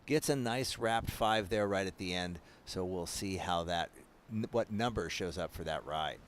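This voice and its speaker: Low-voiced man giving surf analysis. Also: normal speed, a little hiss or hum. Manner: relaxed, analytical color commentary. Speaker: surf commentator. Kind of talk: live sports commentary.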